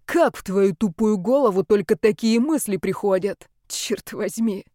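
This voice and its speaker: A woman reading an audiobook and voicing a loud, panicky young man who shouts in outrage. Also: medium pitch, animated, slow pace, dry recording, clean studio sound. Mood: outraged. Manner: shouting, indignant.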